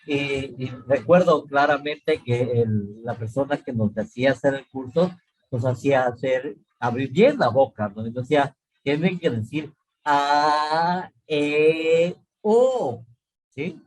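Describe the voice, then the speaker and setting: A middle-aged man teaching a class over a video call, explaining slowly, repeating points and checking often that students follow. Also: medium pitch, a little mellow, slightly rough, poor audio. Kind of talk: online class lecture.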